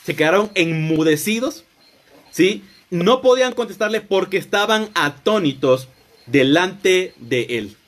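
A preacher retells a Bible story in a loose, conversational sermon of informal Bible teaching, often restarting and rephrasing as he goes. His voice is high, animated and fairly bright, and he takes his time.

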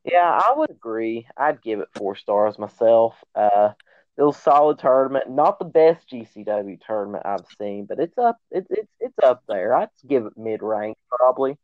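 A man of middling pitch talks as an eager fan, with quick reactions. He comes through a thin, tinny, phone-like line. The sound is dry. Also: expressive, dry recording. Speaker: podcast co-host. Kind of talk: casual podcast chat.

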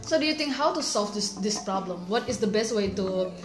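A woman's voice: mid-range voice, animated, fairly quick. A woman hosts a podcast interview in conversational English. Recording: roomy echo, faint music behind.

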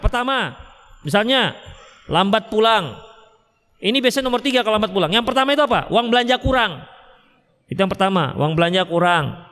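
A male Islamic preacher with a Medan Indonesian accent gives a religious study lecture, answers questions and acts out little husband and wife dialogues. His voice is high-pitched, pushed and bright, with a long reverb tail.

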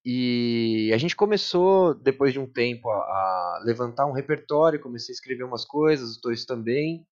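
A man's voice: medium pitch, expressive, normal speed, darkish tone, muffled recording. A man with a Brazilian Portuguese accent in casual podcast chat, explaining things in slangy everyday speech as a guest musician.

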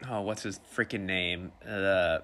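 A man's voice: low-pitched, steady tone, measured pace, bright, forceful tone. A man chatting casually and rambling over a video call, laughing often. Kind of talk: casual chat.

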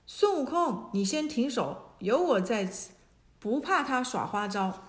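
A woman's voice: fairly high pitch, big pitch swings, a little slow. A woman voicing a stern, merciful female bodhisattva who scolds a demon. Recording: echoey room.

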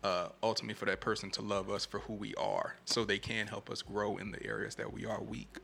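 A man talking reflectively and casually in a soft-spoken way. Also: on the low side, fairly even intonation, a little fast, vocal fry, a little hiss or hum.

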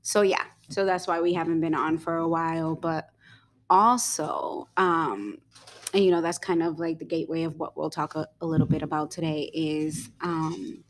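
A young woman with a low voice co-hosts a casual podcast. She rambles, using many fillers and breaking into quick giggles.

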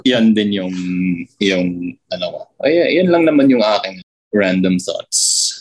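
Giggly, animated male podcast co-host. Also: on the low side, measured pace. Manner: chatty, giggles often, switches between Tagalog and English. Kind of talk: casual podcast chat about a movie.

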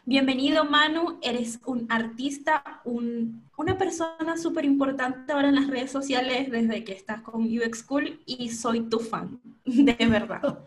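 A woman's voice: sits high, fairly even intonation, a little slow. A young adult Venezuelan woman with a Venezuelan Spanish accent, chatting cheerfully in a casual podcast interview and laughing often. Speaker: podcast host and guest.

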